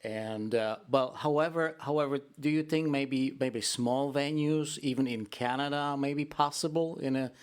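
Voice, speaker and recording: A man hosting a radio interview over a video call, talking in a halting way with many restarts and a slight American accent. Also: medium pitch, fairly even intonation, clear, resonant tone. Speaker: radio host. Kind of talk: casual interview.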